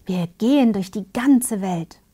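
A woman's voice: mid-range voice, expressive, a little slow, warm tone, husky. A woman whispering the lines of a bossy male soldier in a fairy tale, in a whispered role-play. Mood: curious. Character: gruff angry male soldier leading a band.

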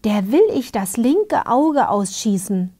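A woman's voice: medium pitch, expressive, slow pace, warm tone, no room sound, studio quality. A woman voicing a boastful male hunter in a whispered fairy-tale role-play. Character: boastful male hunter with a far-reaching eye.

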